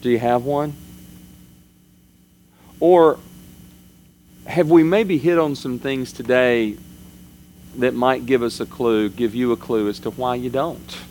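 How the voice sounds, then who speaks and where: A man's voice: medium pitch, fairly even intonation, slow, long pauses, a little mellow, a little hiss or hum. A man preaching a sermon as pastor, in a conversational style, his voice rising and falling for emphasis.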